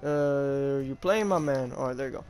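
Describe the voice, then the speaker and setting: A man's voice: medium pitch, normal speed, a little mellow, soft background music. A man giving casual live gameplay commentary as a YouTuber, talking in an informal, slangy way with plenty of swearing. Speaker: gaming YouTuber.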